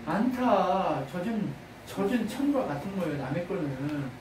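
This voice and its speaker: A pastor preaching a sermon, firing questions at the congregation and bursting into loud exhortations. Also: mid-range voice, sing-song, measured pace, a little hiss or hum. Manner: fires rhetorical questions at the congregation. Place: church sanctuary. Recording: roomy distant mic.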